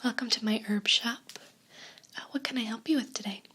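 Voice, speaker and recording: In this ASMR role play, a woman whispers breathily as an attentive, unhurried herb shop clerk, speaking right into a close binaural microphone. Her voice is a little high with a steady tone, and her patter stays gentle. Crinkling, rustling paper sounds fill the background.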